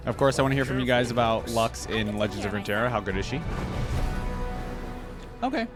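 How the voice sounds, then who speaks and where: A reaction video host with a mid-range, lively voice talks fairly quickly, thinking aloud in casual, slangy commentary on a game. Music plays behind him, coming from the game trailer and its theme.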